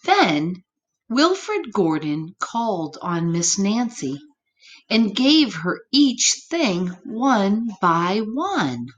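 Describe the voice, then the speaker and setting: A woman reads a picture book aloud to children, very animated and expressive, pausing to speak directly to her young listeners. Her voice is mid-range and the audio sounds dull.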